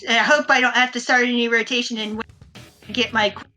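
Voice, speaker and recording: A woman's voice: on the high side, fairly even intonation, brisk, bright, forceful tone, faint music behind. A woman co-streaming a video game, chatting casually while she plays. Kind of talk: casual gaming stream chat.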